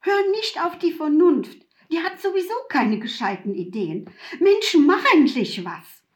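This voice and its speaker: A woman's voice: sing-song, slow, exaggerated voice. A woman voicing a mischievous, thrill-seeking inner voice that taunts and eggs on in an audiobook. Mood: taunting. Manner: shrill, loud, taunting. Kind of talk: audiobook reading.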